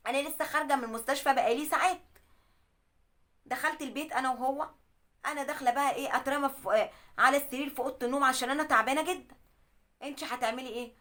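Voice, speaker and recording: An Egyptian woman telling a personal story, emotional and animated. Her voice is high and bright, and she speaks at a brisk pace. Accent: Egyptian Arabic. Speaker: storyteller and advice host. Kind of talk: dramatic first-person story narration.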